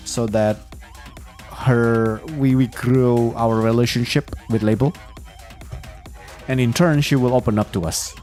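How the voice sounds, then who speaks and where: A man's voice: mid-range voice, fairly even intonation, measured pace, long pauses, darkish tone, soft background music. A young man streaming a game, giving laid-back reaction commentary with chuckling asides.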